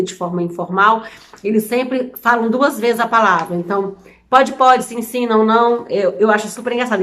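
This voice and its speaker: Chatty Brazilian woman vlogging. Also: mid-range voice. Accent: Brazilian Portuguese. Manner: chatty, amused, explains with many examples and restarts. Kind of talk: casual explainer chat to camera.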